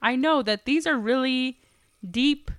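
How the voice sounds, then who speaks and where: A young woman co-hosting a casual podcast, telling stories in slangy, animated talk full of laughter. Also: high voice, measured pace, no echo. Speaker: podcast co-host.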